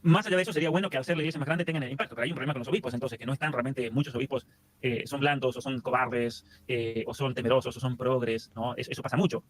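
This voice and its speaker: Rapid-fire man explaining. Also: medium pitch, steady tone, a little hiss or hum. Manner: rapid, explanatory, lists things in long chains. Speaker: interview guest. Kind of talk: casual interview.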